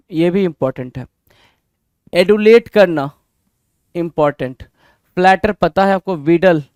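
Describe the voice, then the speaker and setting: A man runs an exam-prep vocabulary lesson, firing rhetorical questions at students and drilling each word. His voice sits high and comes across smooth and resonant. The recording is close and dry. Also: a little mellow, no room sound. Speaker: vocabulary teacher.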